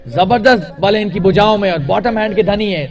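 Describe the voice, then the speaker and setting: A man's voice: sits high, fairly quick, recorded from a distance. A man giving live cricket match commentary, describing the play in short phrases.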